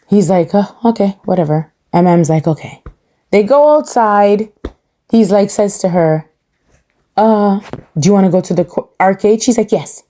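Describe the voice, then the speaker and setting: Sassy animated woman recapping. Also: medium pitch. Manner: animated, sassy, emphatic repetition. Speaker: podcast host reviewing a reality show. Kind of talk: casual opinionated recap.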